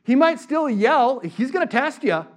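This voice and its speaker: A middle-aged male pastor preaching a sermon in a lively, conversational way, mixing casual asides with fervent declarations. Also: very high-pitched, measured pace. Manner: animated preaching, acts out voices in quotes.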